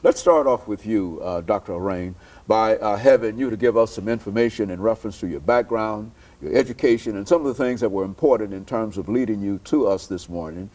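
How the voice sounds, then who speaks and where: A man hosting a television interview, speaking slowly with many hesitant fillers. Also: lowish voice, a little mellow. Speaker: host.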